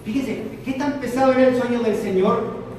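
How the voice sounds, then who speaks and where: A man preaching a sermon to a congregation, animated, swinging between loud and soft. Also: extremely high pitch, moderate pace, slight background noise. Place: church hall with congregation. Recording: echoey hall, from far off. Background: congregation answering.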